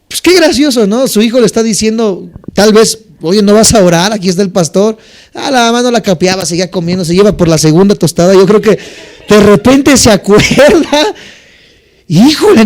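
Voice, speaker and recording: A pastor delivers a sermon in a noticeably high voice for a man. He keeps turning to the congregation with rhetorical questions and folksy stories. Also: darkish tone. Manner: preaching with rhetorical questions and anecdotes.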